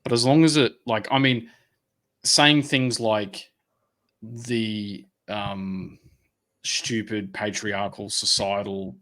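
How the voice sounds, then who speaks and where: A man's voice: lowish voice, flat delivery, slow, fairly bright tone. A man co-hosting a casual podcast, ranting heatedly and swearing freely. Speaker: podcast co-host.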